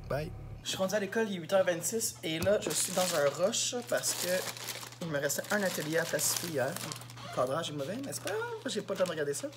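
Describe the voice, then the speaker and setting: Against a noisy background, a talkative Québécois teacher records a casual vlog about his day at elementary school. His slightly high voice carries a Québécois French accent, and he's candid, meandering, and heavy on fillers.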